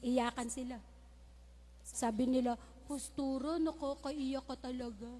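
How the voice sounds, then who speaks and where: High-voiced woman pastor preaching in a hall. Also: fairly even intonation, unhurried, dark tone. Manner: humorous storytelling mixed with Taglish preaching. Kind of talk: sermon. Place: church hall. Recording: long reverb of a church hall.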